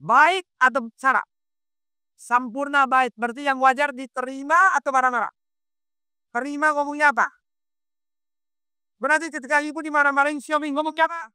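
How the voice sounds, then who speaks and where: A man preaching a sermon in a lively, conversational way, firing quick rhetorical questions at his congregation. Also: extremely high pitch, dry recording, clean studio sound. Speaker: Islamic preacher.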